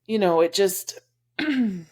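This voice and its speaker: This Texas podcast co-host has a medium-pitched, darkish voice and takes things slowly but sounds animated. With a Texas accent and lots of fillers, she chats casually, candidly and heartfelt about friendships.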